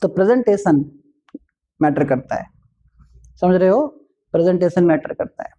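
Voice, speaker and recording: A man who teaches physics, giving exam tips in a relaxed classroom talk, repeating each point and joking with students. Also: high-pitched, moderate pace. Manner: chatty, repeats each point, calls students "bhai", light jokes.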